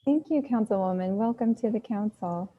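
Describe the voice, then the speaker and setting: A woman's voice: mid-range voice, normal speed. Polite woman on a muffled call. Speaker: meeting facilitator. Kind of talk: introducing members at a meeting.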